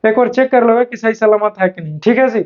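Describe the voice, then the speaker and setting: A male teacher giving an online class lesson, switching between Hindi and English and reading questions out slowly word by word. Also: high-pitched. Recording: dull lo-fi sound.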